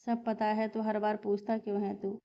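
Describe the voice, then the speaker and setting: A woman reading the lines of a withdrawn young man, curt and hurried. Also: medium pitch, little pitch movement, a little hiss or hum, lightly acted. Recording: slightly dull lo-fi recording.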